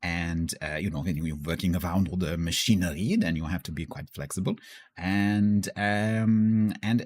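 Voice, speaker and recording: A man voicing a naive, bumbling farmhand at a job interview, hesitant and halting in broken English. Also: on the low side, darkish tone, no echo. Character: naive bumbling German farmhand job applicant named Klaus.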